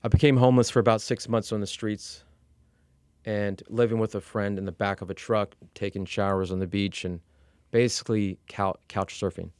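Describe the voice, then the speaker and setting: Fields: man, middle-aged, low clear voice, slow measured. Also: no room sound. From Iran. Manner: measured, steady, with frequent fillers and restarts. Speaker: interview guest; executive coach. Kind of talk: candid personal storytelling.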